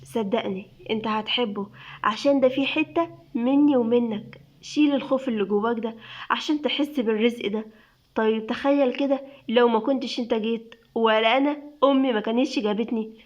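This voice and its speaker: A playful young wife, newly pregnant, coaxing and teasing in a read-aloud story, voiced by a woman narrator. She speaks with an Egyptian accent in a high voice. The audio sounds dull and lo-fi. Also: a little fast, natural voice. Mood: tender.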